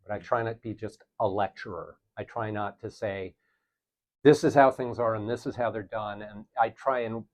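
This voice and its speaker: A man's voice: lowish voice, highs cut off. A middle-aged man from New City, a teacher talking earnestly and thoughtfully as an interview guest. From New York City. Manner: thoughtful, earnest, self-correcting. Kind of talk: relaxed reflective conversation.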